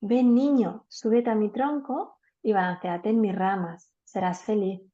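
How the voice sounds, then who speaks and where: A woman voicing a gentle, selfless giving tree in a storybook reading. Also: medium pitch, fairly even intonation, a little slow, dull audio, natural voice. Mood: tender.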